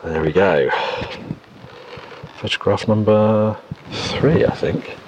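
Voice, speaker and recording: Deep-voiced man on noisy cassette tape. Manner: unhurried, musing, thinking aloud. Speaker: podcast host. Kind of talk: casual solo podcast commentary while out walking. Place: outdoors by an oak tree in countryside. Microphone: portable cassette recorder. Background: noise, clicks.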